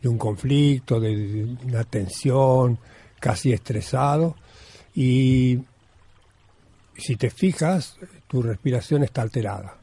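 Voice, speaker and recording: A Zen monk from Buenos Aires, Argentina, speaking with an Argentine accent, is interviewed in a reflective conversation. His voice is medium-pitched, mellow and husky, and he talks slowly, searching for words and often repeating a phrase. The recording is dry.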